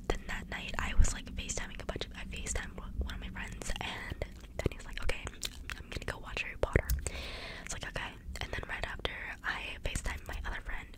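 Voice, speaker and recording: Young person doing asmr, all breathy whisper no real voice, just rambling casually and going off on tangents. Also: poor audio. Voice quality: soft, breathy, unvoiced whisper. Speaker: ASMR video creator.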